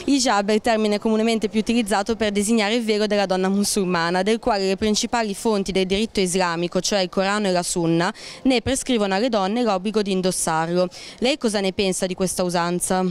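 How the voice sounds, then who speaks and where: A woman's voice: mid-range voice, steady tone, fast talker, hardly any pauses. A woman interviewer reading a scripted introduction and posing questions. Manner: clear, scripted delivery.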